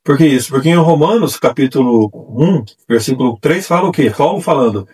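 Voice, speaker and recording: Fast-talking husky male evangelist. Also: mid-range voice. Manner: animated, acts out quoted voices. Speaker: church evangelist, guest. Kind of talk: testimony storytelling. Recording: distant mic.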